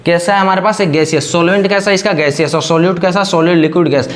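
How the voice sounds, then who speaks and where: A man's voice: sits high, fairly even intonation, fast talker. A man teaching a chemistry lecture in Hindi. He asks questions and then answers them himself, repeating the same pattern. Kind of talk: classroom lecture.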